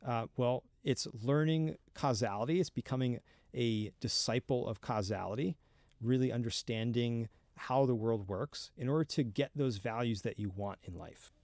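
A young man speaking as a podcast guest, explaining his ideas earnestly and taking his time. He often restarts a phrase as he thinks. His voice sits at a middle pitch and is recorded close and dry. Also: darkish tone, dry recording. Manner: earnest, measured, with frequent restarts. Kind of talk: thoughtful conversational explanation.

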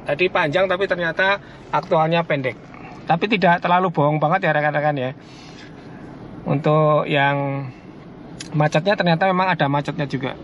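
A fairly high-voiced man talks through a road trip from behind the wheel, chatty and easygoing with his viewers. The sound is a little muffled, with a faint hum of the car underneath. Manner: chatty, keeps addressing viewers as colleagues. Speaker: car vlogger driving. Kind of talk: casual driving commentary. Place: inside a moving car.

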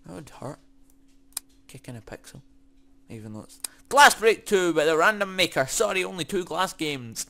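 A man giving excitable, sweary commentary while playing a game, muttering to himself as he goes. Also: fairly high pitch, normal speed, vocal fry. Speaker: gaming YouTuber. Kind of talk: casual let's-play commentary.

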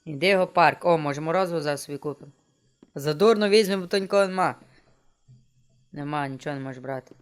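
A man's voice: on the high side, fast talker, pauses often, clean tone. Joking streamer man talking to himself. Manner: chatty, joking, talks to himself. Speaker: gameplay streamer. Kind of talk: casual let's-play commentary. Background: game music.

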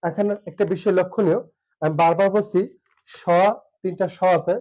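A man with a Bangladeshi Bengali accent teaches pronunciation in an online class. His voice sits high and mellow, and he pauses on filler sounds and drags out syllables to show them. The recording is dull and lo-fi. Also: steady tone. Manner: hesitant, many filler sounds, repeats and spells out syllables.

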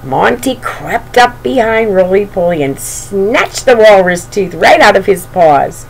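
An older woman with a mid-range voice, lively intonation and vocal fry reads a storybook aloud unhurriedly, chatting affectionately to young children. She's in a small bedroom, recorded by a webcam at arm's length, and the home recording is noisy.

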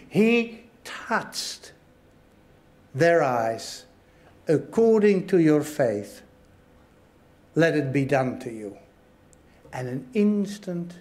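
A pastor preaching a sermon, earnest, often repeating phrases and asking his listeners if they understand. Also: fairly high pitch. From Australia. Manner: earnest, repeats phrases, asks the congregation questions.

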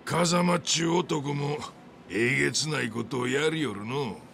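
A man playing a scornful, domineering middle-aged yakuza boss in a video game, with a Kansai accent and a gravelly, mocking, bullying delivery. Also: a little high, unhurried, fairly bright tone, a little hiss or hum. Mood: scornful, goading. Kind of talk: dramatic video game acting.

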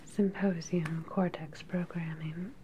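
In a sci-fi ASMR roleplay, a woman plays a calm, controlling evil scientist, whispering softly and breathily in a soothing, clinical way. She speaks slowly and gives close personal attention with a calm, soothing menace. A close mic picks her up over faint, low sci-fi lab ambience.

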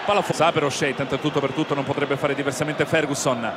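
A man giving breathless, excitable live football play-by-play. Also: fairly high pitch, noisy background. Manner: breathless, excitable, drawn-out shouts on shots and goals. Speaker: football match commentator. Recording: broadcast mix with very loud stadium crowd. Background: roaring stadium crowd.

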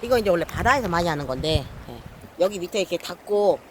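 A man vlogging while he fishes outdoors. He mutters apologies to the viewers, then breaks into loud, frustrated outbursts. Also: high voice, expressive, quick pace. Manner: self-mocking, swings between mumbled apologies and loud frustrated outbursts. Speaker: fishing vlogger. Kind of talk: casual solo vlog narration. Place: outdoors by the water. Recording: noisy outdoor recording.

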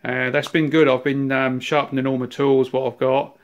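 A man in his fifties with a New Zealand accent walks through his large, cluttered workshop, filming on a handheld phone. He talks in a relaxed, rambling way full of fillers, his voice staying fairly flat and even. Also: medium pitch, moderate pace, highs cut off. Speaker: workshop owner. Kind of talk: casual workshop tour. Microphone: handheld phone camera.

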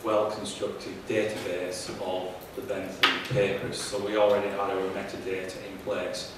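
Through a distant microphone, a man with a low-pitched, monotone voice can be heard speaking on a conference panel. He is a professor sitting at the panel table with a handheld mic, and he talks haltingly, with frequent ums and restarts. The recording is noisy, and the room echoes as if heard from far away.

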